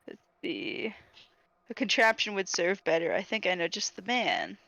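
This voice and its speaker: A wary, practical male surgeon from a game, spoken plainly and casually, read by a woman at a mid pitch. The sound is dry and close, with no room around it. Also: big pitch swings, moderate pace, vocal fry, sharp tone, dry recording, dull audio, heavily acted. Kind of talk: reading game dialogue aloud.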